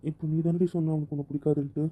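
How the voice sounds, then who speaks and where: A man's voice: fairly high pitch, flat delivery, rapid-fire, dark tone, slight background noise. A man talking with his wife in a casual couple conversation, in a pleading, affectionate way. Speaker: husband.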